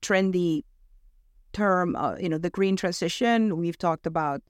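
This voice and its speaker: A woman's voice: lowish voice, measured pace, clean tone, no echo, clean studio sound. A middle-aged woman from Venezuela with an American accent, a podcast guest talking in a casual, upbeat, thoughtful way, often adding "you know" and "right?". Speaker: podcast guest, talent acquisition director. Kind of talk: casual interview chat.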